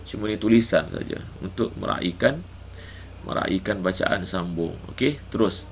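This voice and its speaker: A middle-aged man teaching recitation live, explaining patiently and chanting drawn-out examples. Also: deep voice, animated, creaky, a little hiss or hum.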